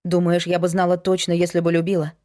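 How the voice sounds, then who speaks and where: A frank young woman who says what she means, read by a woman narrator. Her voice is lowish and plain, close to the reader's own. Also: completely flat delivery, fast, dark tone, close to an everyday voice. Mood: firm.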